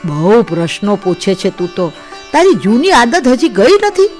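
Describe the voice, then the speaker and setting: A woman voicing the ghost of an older husband, deep and grinding in tone, slow, teasing and scolding. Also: big pitch swings, soft background music. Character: older husband's ghost speaking from a photo, gruff.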